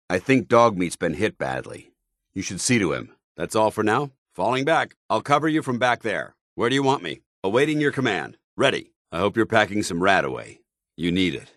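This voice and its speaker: Stern male military paladin, video game companion, clipped and authoritative, righteous, widely swinging pitch, dry close sound. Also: a bit bright, no echo. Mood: measured, concerned, then crisp, alert.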